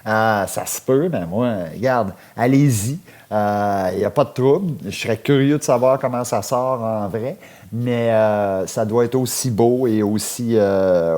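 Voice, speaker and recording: A man hosting a comic call-in radio show, rambling and halting. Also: medium pitch, darkish tone. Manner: rambling, halting, full of hesitations. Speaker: radio host.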